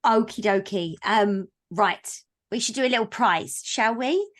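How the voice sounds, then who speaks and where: A woman's voice: medium pitch, a little slow. A woman hosting an online book launch over a video call, chatty and playful, teasing the audience and owning up to being a stickler for the rules. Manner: self-described stickler for rules. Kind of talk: casual chat on a video call. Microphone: video call mic.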